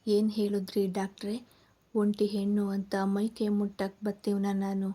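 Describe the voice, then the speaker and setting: A woman reading the part of a blunt, short-tempered young village man who talks in thick rural dialect. The voice stays flat and dark in the manner of a storybook reading. The speech is rough and plain-spoken. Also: medium pitch, normal speed, lightly acted. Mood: indignant.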